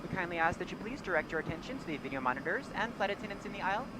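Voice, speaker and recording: A man giving a scripted cabin announcement over the aircraft PA loudspeaker, polite and formal. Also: high-pitched, big pitch swings, rapid-fire, over a noisy crowd.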